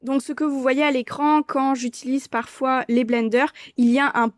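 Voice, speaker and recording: A woman's voice: sits high, steady tone, normal speed, no echo. A young woman chatting casually about her coloring, explaining step by step with many hesitations. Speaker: coloring vlogger.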